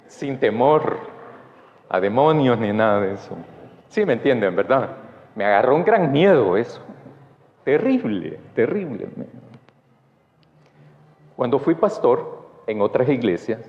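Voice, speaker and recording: Pastor guy telling a story from the pulpit, keeps going "right?", muffled, long church echo. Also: mid-range voice. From El Salvador. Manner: conversational, keeps asking the congregation for agreement. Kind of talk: storytelling sermon. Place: church sanctuary. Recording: dull sound in a church with long reverb.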